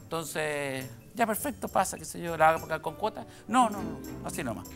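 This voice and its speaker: A man's voice: a little high, moderate pace. Chilean guy in his middle years spinning a comic story, voice jumping all over, acts out the other people, music under it. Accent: Chilean Spanish. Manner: animated, acts out dialogue and sound effects. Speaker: comedian guest. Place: TV studio.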